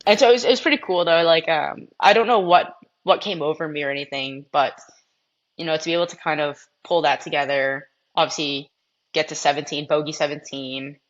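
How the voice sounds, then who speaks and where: A young woman with a notably low voice tells tour stories in a loose, chatty podcast interview, her speech dotted with "like" and "um". The audio sounds a little dull and muffled, as if recorded on modest gear. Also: steady tone, brisk. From Massachusetts, US. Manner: chatty, frequent fillers like "like" and "um". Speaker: podcast guest, professional golfer. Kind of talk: casual storytelling interview.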